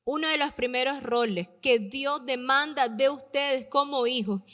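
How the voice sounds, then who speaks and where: A woman preaching a sermon to young people and parents, stressing key words by slowing down and repeating them. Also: high voice, bright, forceful tone. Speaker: preacher addressing youth and parents. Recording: long hall reverb.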